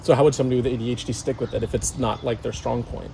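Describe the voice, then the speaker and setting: A man's voice: mid-range voice, fairly even intonation, rapid-fire, vocal fry, dark tone, slight background noise. A young man vlogging on a run outdoors, out of breath, joking loosely with lots of fillers. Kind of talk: casual vlog chat.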